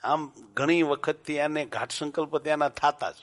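Male sermon storyteller, slightly high voice, colloquial village delivery. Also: moderate pace. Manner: rural colloquial speech, animated when quoting characters. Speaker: religious storyteller.

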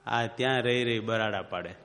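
A man's voice: mid-range voice, normal speed, a bit bright, long reverb tail. Kathiawadi man preaching a folksy parable. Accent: Kathiawadi Gujarati. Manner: folksy, moralizing, asks the listeners questions. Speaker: religious preacher. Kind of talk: storytelling sermon.

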